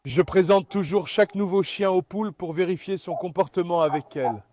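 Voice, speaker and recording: High-voiced man coaxing his dogs. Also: a little fast, a little mellow. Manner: coaxing, calls to the dogs while talking to viewers. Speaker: farm vlogger with dogs. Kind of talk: casual vlog commentary.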